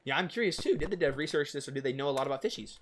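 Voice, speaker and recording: A man's voice: fairly high pitch, lively intonation, rapid-fire, a little hiss or hum. A man hosting a live stream, commentating on a game in a playful, joking manner. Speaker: streamer host.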